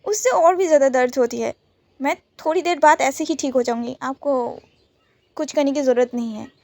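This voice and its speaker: A woman's voice: high voice, fairly quick, darkish tone, no echo, studio quality. A woman voicing a caring, playful young woman in a romance story, teasing and pleading by turns. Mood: protesting.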